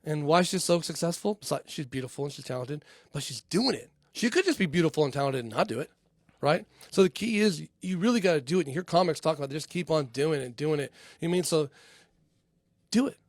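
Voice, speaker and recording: A man's voice: on the high side, animated, quick pace, no room sound. A man hosting a comedy podcast, talking in a loose, rambling way and swearing freely. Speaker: podcast host. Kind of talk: casual chat. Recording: dry close studio mic.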